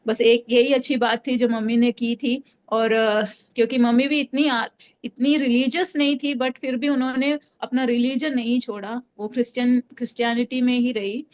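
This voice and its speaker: A young woman from Delhi shares her personal faith testimony in a smooth, clear, fairly high voice. She speaks with little rise and fall, often pausing on fillers and starting her sentences over. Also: steady tone, darkish tone. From Delhi, India. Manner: hesitant, many fillers and restarts.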